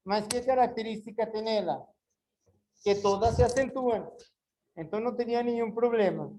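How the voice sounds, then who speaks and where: A woman's voice: on the high side, normal speed, dark tone, a little hiss or hum, low-quality recording. A woman teaching an online class, explaining patiently and drawing out words syllable by syllable. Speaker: Spanish teacher.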